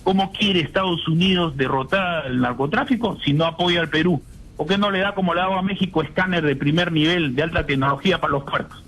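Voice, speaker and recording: A man's voice: a little high, quick pace, fairly bright tone, rough recording. An older man, a retired general, speaking indignantly as a radio guest and firing off rhetorical questions. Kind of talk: phone-in radio interview.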